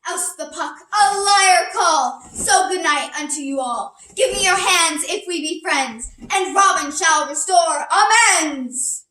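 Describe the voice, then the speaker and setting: A woman playing the mischievous sprite Puck, speaking rhyming stage verse in a slow, measured way. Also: very high-pitched, pushed and bright, full character voice. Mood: playful, gentle. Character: Puck, a mischievous sprite bidding the audience goodnight. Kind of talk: classical stage verse recital. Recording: echoey room, distant mic.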